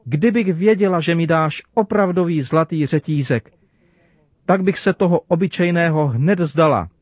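A man's voice: on the high side, darkish tone, dry recording, pitched above the performer's own voice, lightly acted. A small girl who dotes on her father begs in a raised, emotional voice, as a man performs her in a storybook telling. The sound is close and dry with no room around it. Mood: overjoyed. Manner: pleading, emotional.

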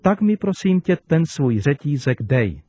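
A man voicing a kind, playful father who gently insists. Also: a little high, big pitch swings, no room sound. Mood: teasing.

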